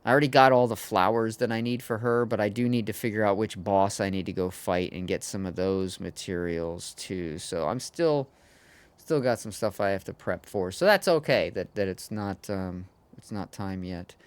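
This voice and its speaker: Chatty streamer with a smooth voice. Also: deep voice, moderate pace, no room sound. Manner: rambling, chatty, laughs often. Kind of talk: casual livestream chat.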